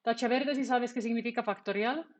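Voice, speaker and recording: Speaking fairly quickly in a higher voice, with a little hiss or hum on the recording, a Finnish-speaking university lecturer teaches coding online. She breaks things down step by step and fields her own questions.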